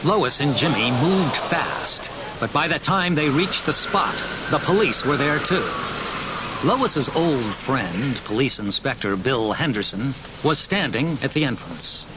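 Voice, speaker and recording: Expressive man reading a storybook. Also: mid-range voice, a little slow, noisy background. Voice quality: expressive, varied delivery. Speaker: audiobook narrator. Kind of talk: storybook narration.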